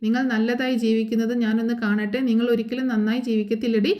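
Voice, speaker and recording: A woman voicing a furious, heartbroken mother who is cursing her son, reading the lines quickly and close to her own voice. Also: a little high, level tone, a little mellow, lightly acted. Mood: bitter scolding.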